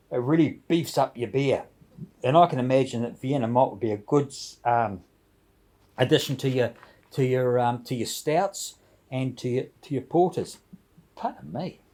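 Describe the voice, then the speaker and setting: Laid-back guy, dark soft-edged voice, casual slangy vlog chat, chatty and jovial, rambles along. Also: mid-range voice. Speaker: homebrew video blogger.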